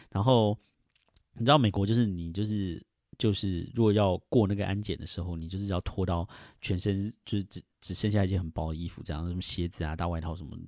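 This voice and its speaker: A man's voice: low voice, darkish tone, no echo, studio quality. A middle-aged man hosting a casual solo podcast, rambling and chuckling, with many fillers. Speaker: podcast host.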